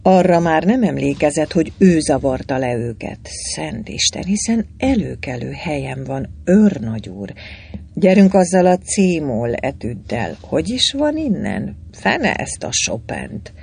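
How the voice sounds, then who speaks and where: Male audiobook narrator, wry and expressive, husky, lively pitch. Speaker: audiobook reader.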